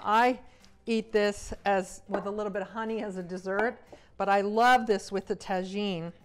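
Middle-aged woman chef demonstrating recipes. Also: mid-range voice. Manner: relaxed, enthusiastic, with fillers. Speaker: cruise line executive chef. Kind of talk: cooking demonstration. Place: large home kitchen.

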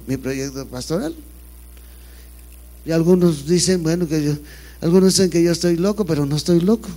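Bishop guy spinning funny stories at a panel, high voice, lively. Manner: animated storyteller, laughs at own jokes. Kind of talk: joke-telling talk at a panel.

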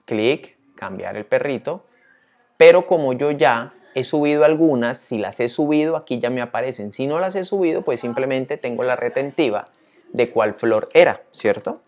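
A male teacher walking viewers through a tutorial in a lively, chatty way, often asking them questions. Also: mid-range voice, normal speed. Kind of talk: screen-share tutorial.

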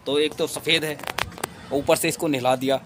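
A man's voice: a little high, fairly even intonation, moderate pace, background noise. Playful man teasing his dogs outdoors. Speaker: vlogger. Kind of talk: casual pet vlog. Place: rooftop, outdoors.

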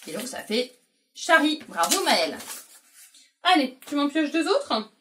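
A woman's voice: sits high, big pitch swings, a little slow, a bit bright, distant mic, a little hiss or hum. A woman educator explains a syllable game to parents and plays it patiently with a young child, praising often. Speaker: educator presenting a learning game.

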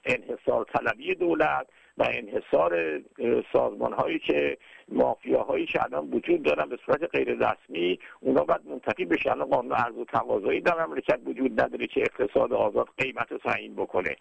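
A man giving formal, lecture-style political commentary, speaking in a measured way with frequent hesitations. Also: medium pitch, vocal fry, breathy edge, no room sound, lo-fi sound.

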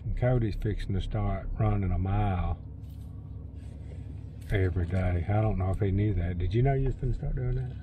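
A man's voice: normal speed, phone-quality sound. A man, chatting casually to camera in a farm vlog in an easygoing country drawl, recorded outdoors and in a truck on an action camera. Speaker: vlogger. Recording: noisy with engine rumble.

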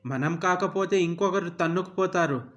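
A man voicing a sharp-tongued middle-aged mother who scolds her son and dotes on her daughter-in-law. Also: sits high, normal speed, muffled recording, soft background music. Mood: scolding. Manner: scolding, name-calling.

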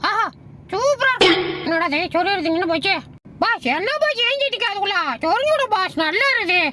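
A woman's voice: extremely high pitch, animated, quick pace, bright, forceful tone, a little hiss or hum. A woman dubbing funny inner thoughts of pets in a playful, teasing, chatty way. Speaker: comedy pet video narrator. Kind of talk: comic mind-voice dubbing of pets.

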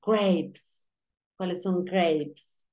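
A woman teaching English in a relaxed lesson, repeating words and explaining pronunciation. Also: lowish voice, drawn-out words. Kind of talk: casual online English lesson.

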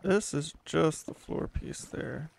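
Slow gravelly man muttering over gameplay. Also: a little high, darkish tone, slight background noise. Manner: mumbling to himself, humming and making sound effects while playing. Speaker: gaming channel host. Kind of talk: relaxed gameplay commentary.

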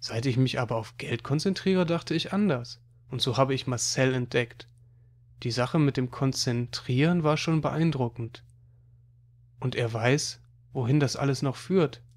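A man reading a children's money book aloud as audiobook narration, in an even storytelling manner. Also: medium pitch, measured pace. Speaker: audiobook reader.

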